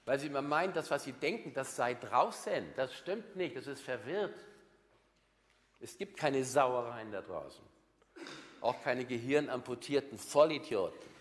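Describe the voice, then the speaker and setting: A man giving a lively motivational seminar talk to an audience, emphatic, blunt and repetitive. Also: mid-range voice. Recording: long hall reverb.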